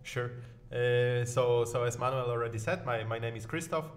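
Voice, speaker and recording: A man's voice: medium pitch, moderate pace, a little hiss or hum. Man, repeating his words. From Poland. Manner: often repeats words as he starts a phrase. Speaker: guest. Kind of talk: casual interview talk.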